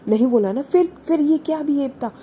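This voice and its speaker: A woman's voice: high-pitched, animated, a little fast, warm tone, slight background noise, pitched above the performer's own voice. A woman voicing a hurt young woman protesting to her friend in raised, exasperated bursts. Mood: heated.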